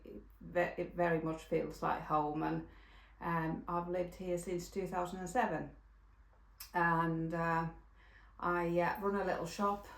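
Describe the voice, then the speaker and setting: The roomy recording captures a lowish-voiced host from Finland, a woman in her forties whose Finnish accent colors her casual knitting podcast. She meanders, often restarting sentences and filling gaps with filler words.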